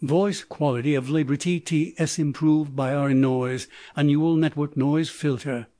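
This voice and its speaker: A man's synthetic text-to-speech voice reading scripted audiobook narration in an even, measured way. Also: fairly high pitch, no room sound.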